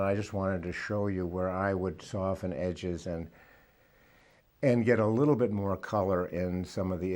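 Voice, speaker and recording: A man giving a relaxed watercolour painting demonstration, thinking aloud as he works. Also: deep voice. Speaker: watercolour instructor.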